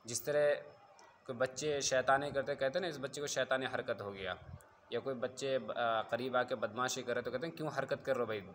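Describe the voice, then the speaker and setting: A man teaching an online Quran reading lesson. He draws out each syllable slowly and loudly, then moves back to quick, plain explanation. A faint hiss sits under the voice. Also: medium pitch, steady tone. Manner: drills letters slowly and loudly, repeats "theek hai?" to check understanding.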